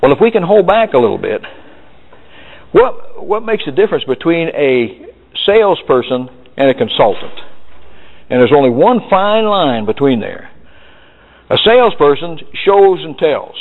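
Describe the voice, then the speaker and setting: A man's voice: fairly high pitch, moderate pace, vocal fry. A man giving a sales seminar, telling folksy stories and acting out what customers say. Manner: folksy, animated storytelling with acted quotes. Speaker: sales trainer. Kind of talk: live sales seminar talk. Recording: tinny lo-fi recording in a reverberant hall.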